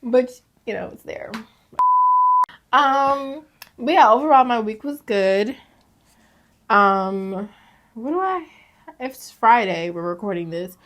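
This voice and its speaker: A young woman co-hosting a casual podcast, reading confessions aloud, animated and slangy, laughing often. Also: a little high, takes it slowly, pauses often, a little hiss or hum. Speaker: podcast co-host.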